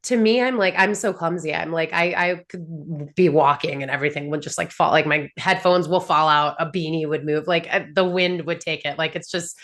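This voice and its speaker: A woman hosting a casual show recap, talking in an animated, chatty way full of fillers and laughs. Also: low voice, a little fast, few pauses. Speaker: podcast host.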